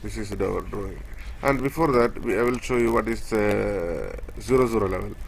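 A man with a low, gravelly voice walks through a technical drawing in a screen-share tutorial. He talks haltingly and restarts often, pointing out one part after another. A faint hiss sits under the recording. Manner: halting, many fillers and restarts, explains step by step pointing at a drawing. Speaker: instructor.

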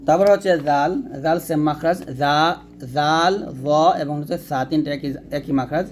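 A man with a somewhat high-pitched voice gives a spoken lesson on how each Arabic letter is pronounced. He walks through the points step by step, repeats each sound as a demonstration and often checks in with his listeners. When he misspeaks, he corrects himself mid-sentence. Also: fairly even intonation, normal speed, a little mellow, a little hiss or hum. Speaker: Quran recitation teacher.

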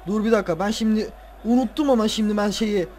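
A tired man playing a football video game, casually commenting, swearing and ranting at the players with excitable outbursts. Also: high voice, fast talker. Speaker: gaming video creator.

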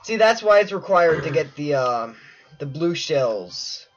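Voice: mid-range voice, very animated, a little slow. A let's play host chatting casually over gameplay and talking to the viewers in a playful way. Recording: muffled lo-fi mic with faint game music.

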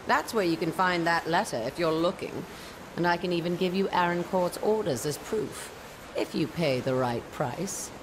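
A woman's voice: lowish voice, normal speed, background noise, lightly acted. An actress playing a sly, mercenary female elf traveller in a video game, with a casual, wry, self-assured manner. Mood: wry, bargaining. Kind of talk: video game character dialogue.

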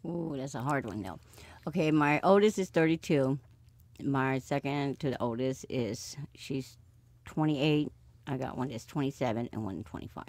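A woman in her late forties from Sacramento, talking softly and thoughtfully as she answers personal questions in a recorded interview, with unhurried pauses. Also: a bass voice, no echo. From Sacramento, California. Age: 40s. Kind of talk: casual personal conversation. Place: small recording booth.

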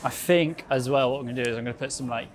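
A man's voice: medium pitch, racing. A man, a photographer chatting casually to camera and explaining his gear while he shoots in the street. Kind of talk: casual vlog commentary. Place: busy London streets and graffiti tunnel, outdoors. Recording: crowd noise behind.

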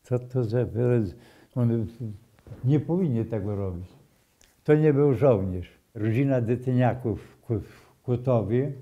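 An older man speaking in a recalls what he witnessed. He talks slowly and haltingly, in a very dark, mellow voice. He often breaks off, restarts and repeats phrases. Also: mid-range voice. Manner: slow, halting storytelling with restarts and repetitions. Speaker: eyewitness. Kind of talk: oral history testimony.

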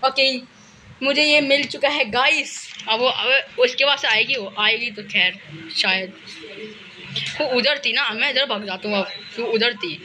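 A young man with an Indian accent giving excited horror game commentary, panicking and urging himself on by name. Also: very high-pitched, a little slow, background noise. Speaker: gaming channel host.

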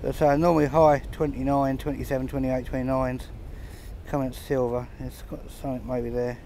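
A man's voice: medium pitch, little pitch movement, normal speed, mellow, a little hiss or hum. A man giving casual running commentary while metal detecting on a pebble beach, chatty and understated, chuckling between finds, recorded on a handheld camera outdoors. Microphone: camera held close, filming his hands.

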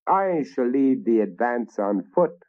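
Reading a storybook, a man voices an ambitious Danish invader king who talks in a grandiose, commanding manner. His mid-range voice is animated, slow and pushed up, captured in a dull lo-fi recording.

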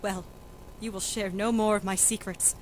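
A woman's voice: mid-range voice, flat delivery, moderate pace, a little hiss or hum, natural voice, poor audio. A young woman playing a desperate, defiant young noblewoman who pleads and protests emotionally. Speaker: student actor in a school reading.

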